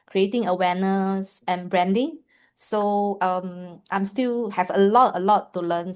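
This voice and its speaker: A woman's voice: medium pitch, a little mellow, clean tone. A woman from Singapore, introducing herself to a class in a friendly, slightly flustered way. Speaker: class participant.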